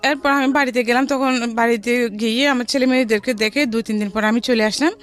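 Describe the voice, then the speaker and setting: Talking fairly quickly in a steady, slightly high tone, a middle-aged woman with a Bangladeshi accent relates her life story in conversation, mixing in some English. There's music behind her voice.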